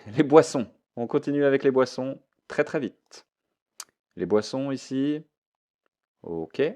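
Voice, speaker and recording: A man's voice: on the low side, a little mellow. A man teaching a French vocabulary lesson, repeating each word and mixing in English explanations.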